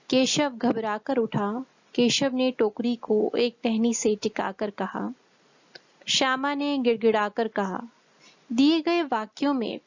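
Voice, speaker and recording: Slow, clear woman teaching children. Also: fairly high pitch, no room sound. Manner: slow, clear explanations with questions to students. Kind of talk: Hindi grammar lesson for children. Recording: dull, dry lo-fi recording.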